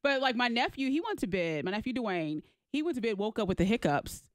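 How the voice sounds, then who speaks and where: A woman co-hosting a morning radio show in a studio, chatty and quick to laugh. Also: on the high side, very animated, no room sound. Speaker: radio co-host. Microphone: studio microphone.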